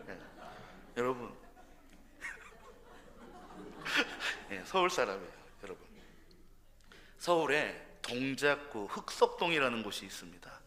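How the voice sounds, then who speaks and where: A man's voice: mid-range voice, bright, forceful tone, big-room sound. A young man from Seoul, a junior pastor, preaching a sermon in a church sanctuary. He tells stories conversationally and often turns to address the congregation directly. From Seoul, South Korea.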